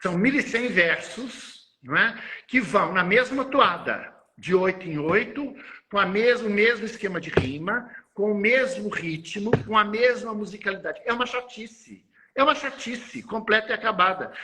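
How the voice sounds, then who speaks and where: A man's voice: high voice, sharp tone, rough recording. A man with a Brazilian Portuguese accent, a literature professor talking casually and emphatically on a panel, repeating phrases for effect.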